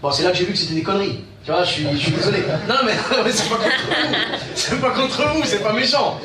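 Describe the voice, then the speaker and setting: Fast, high-voiced male stand-up comic. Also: animated, far from the mic. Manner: chatty storytelling, addresses the audience with asides. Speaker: stand-up comedian. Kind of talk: stand-up comedy routine. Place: comedy bar stage. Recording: roomy live stage recording from afar with noise.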